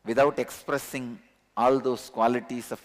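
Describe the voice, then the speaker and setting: Fairly even in intonation and moderate in pace, a mid-range voice belongs to a Tamil-accented man teaching a spiritual discourse. He speaks earnestly, repeating key words for emphasis, within a large satsang hall whose long reverb fills the recording.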